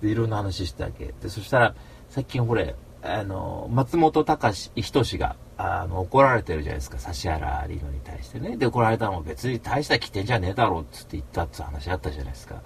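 A man hosting a talk show, telling a rambling story in rough, casual speech and flaring into mock rants. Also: deep voice, animated, fast talker, a little hiss or hum. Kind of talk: casual monologue.

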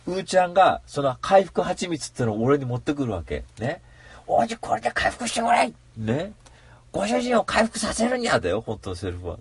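Man, casual solo monologue, animated storyteller, raspy husky voice, dry close sound. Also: mid-range voice, dry recording. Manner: animated storytelling, mock ranting.

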